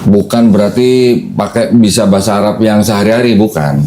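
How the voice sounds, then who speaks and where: A man's voice: on the low side, fairly even intonation, brisk, dark tone, a little hiss or hum. A man hosting a casual podcast chat, patiently explaining things step by step to a new convert. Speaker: host explaining Islam to a convert.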